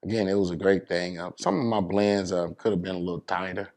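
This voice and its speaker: His voice sits low, steady and slightly mellow, and this New Yorker talks a little fast as a guest in an interview. He's casual and colloquial as an American speaker, dropping conversational check-ins like "you know what I'm saying" throughout.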